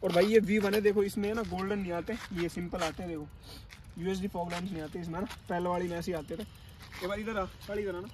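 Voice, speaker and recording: Young male bike vlogger, high-pitched and chatty, outdoors with faint street noise behind. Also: steady tone, fast. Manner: chatty, addresses viewers as bhai, directs cameraman. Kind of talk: casual vlog walkthrough. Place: outdoors by the roadside at dusk.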